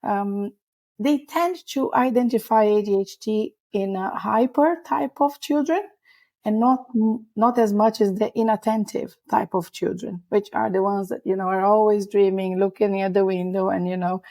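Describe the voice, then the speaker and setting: A middle-aged woman from Brazil, guest on a podcast, hoarse from a cold and talking in a chatty, rambling way. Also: mid-range voice, normal speed, mellow. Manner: chatty, rambling with many fillers. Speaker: ADHD coach, guest. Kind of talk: podcast interview.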